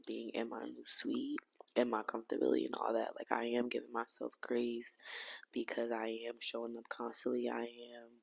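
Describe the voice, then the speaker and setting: A woman's voice: extremely low pitch, completely flat delivery, normal speed, gravelly, husky, rough recording. A woman hosting her own podcast, talking candidly in a heartfelt, rambling way with casual slang and frequent restarts. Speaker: podcast host.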